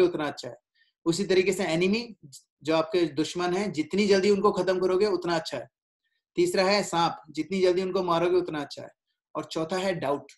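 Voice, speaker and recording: A man giving an informal spiritual class in a conversational way, mixing in English phrases and often checking in with his listeners. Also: high voice. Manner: mixes in English words and phrases. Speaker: devotional speaker.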